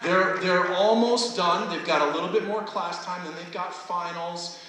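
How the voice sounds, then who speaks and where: A man working as a stage hypnotist and host, bantering off the cuff with volunteers in a halting way, often repeating phrases. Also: high-pitched, fairly even intonation, bright, forceful tone. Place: indoor college stage show with audience. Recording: echoey hall PA with noisy background.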